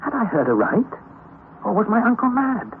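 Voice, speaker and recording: In a tinny old radio recording with faint hiss, a man speaks at a normal speed in a high-pitched, very animated voice. He's an actor playing the narrator, a young nephew who recounts his exhausting underground expedition in an earnest, dramatic way.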